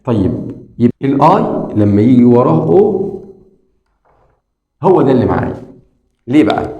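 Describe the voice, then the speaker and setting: A man with an Egyptian Arabic accent teaches English phonics to beginners, repeating sounds slowly and talking straight to the viewer. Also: mid-range voice, sing-song, gravelly, echoey room, muffled recording. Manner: drills sounds slowly and repeats them, addresses the viewer directly.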